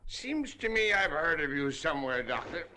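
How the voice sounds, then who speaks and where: An actor playing a muddled, tipsy country fellow, rambling along in a 1930s comedy film. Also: male voice, a little high, very animated, moderate pace, noisy background.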